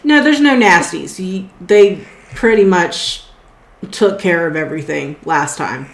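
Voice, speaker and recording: A woman runs a tabletop game in a relaxed, unhurried way, drawling through her scene descriptions with plenty of filler words. Her voice sits a little low for a woman. The room around her gives an echoey ring. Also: vocal fry. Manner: casual, hesitant, many fillers. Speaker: game master.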